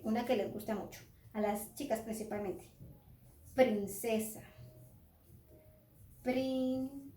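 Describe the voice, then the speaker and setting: A woman teacher giving a children's phonics lesson at a whiteboard, slowly sounding out letters and words. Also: a little high, mellow. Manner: slow, drawn-out sounding out of letters. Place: classroom with whiteboard. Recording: echoey room.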